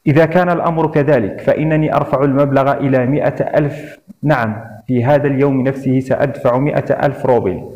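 A man's voice: mid-range voice, fairly even intonation, quick pace, a little mellow, natural voice. A man voicing a brash, drunk and boastful rich young man in an audiobook, with a dull lo-fi sound. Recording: dull lo-fi recording.

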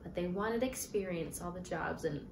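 A woman's voice: lowish voice, normal speed, close to an everyday voice. An actress in her twenties playing a flustered, defensive young jobless graduate in a naturalistic stage monologue, rambling and hesitant. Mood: deflated, awkward. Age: 20s. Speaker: actor performing a monologue. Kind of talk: naturalistic contemporary theatre monologue. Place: small bare-walled room indoors. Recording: echoey room, faint hiss and noise.

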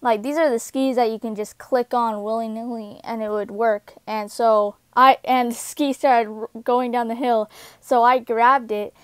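A young woman casually telling a personal story, halting with many fillers and restarts, recorded on a close home microphone. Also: a little high, fairly even intonation, clear, resonant tone, no echo.

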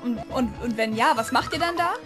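A woman's voice: fairly high pitch, expressive, a little fast. A young woman chatting casually while playing a video game, rambling and breaking into frustrated outbursts. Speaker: let's player. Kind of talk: casual gameplay commentary. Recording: game music playing behind the voice.

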